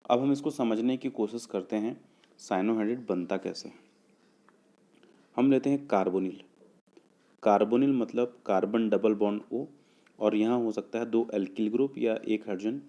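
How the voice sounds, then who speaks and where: A man with a fairly low, mellow voice teaches chemistry to exam students, explaining step by step and posing and answering his own questions. He checks understanding with "clear?" and "okay" and slows down to spell out formulas piece by piece.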